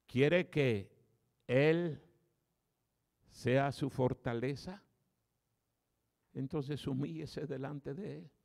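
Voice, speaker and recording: A male pastor preaching an impassioned sermon, swinging from loud appeals to hushed prayer as he leads an altar call. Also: mid-range voice, very slow, gravelly, long pauses.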